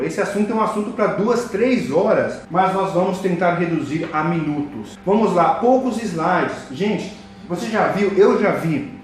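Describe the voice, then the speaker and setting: A man giving a slide lecture in a didactic way, often checking in with the audience. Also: high-pitched. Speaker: lecturer on public speaking. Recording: very echoey room, voice from far off the mic.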